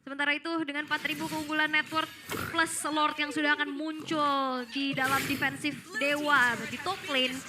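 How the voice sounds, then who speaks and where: Very high-pitched Indonesian woman casting esports. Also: little pitch movement, normal speed, noisy background. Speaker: esports caster. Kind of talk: live game commentary.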